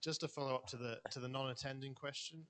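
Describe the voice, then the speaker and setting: A man from the audience asking a follow-up question in a careful, halting way. His pitch stays level throughout. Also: fairly even intonation, fairly bright tone. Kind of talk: question from the floor.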